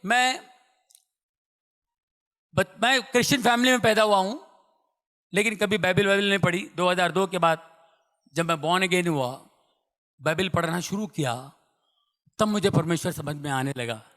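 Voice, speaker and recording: A middle-aged man with a notably high voice preaches with emphatic repetition, pushing some lines loud and dropping others to a hush. His words ring out with the long reverb of a large hall. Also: a little slow, long pauses. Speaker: preacher giving testimony. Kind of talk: sermon.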